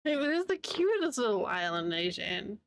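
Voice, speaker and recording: Speaking in a New Zealand accent, this streamer crochets at her US home and rambles to her live chat with frequent laughter. Her pitch sits in the middle, she's very animated at a normal speed, and there's a little hiss or hum.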